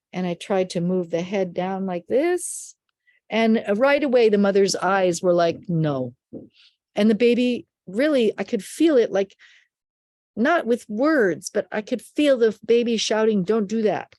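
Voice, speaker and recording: An older woman in a dry, close recording, a midwife telling a story from her work. She speaks at a middle pitch and livens the tale by putting on the voices of the people she describes, with no room echo around her. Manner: animated storyteller, acts out quoted voices. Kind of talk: storytelling in an interview.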